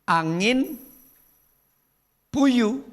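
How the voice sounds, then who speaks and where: A man preaching from the pulpit in a high voice and at a slow, deliberate pace. He delivers his sermon in short emphatic phrases, repeats himself for weight and leaves pauses for an interpreter. The service is streamed live from a church. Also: expressive. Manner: emphatic, repeating phrases, pausing between words. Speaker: pastor.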